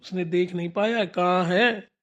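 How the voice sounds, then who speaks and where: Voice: medium pitch, steady tone, natural voice. A voice artist playing a teasing old father-in-law in a cartoon. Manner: slow, teasing. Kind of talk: cartoon voice acting.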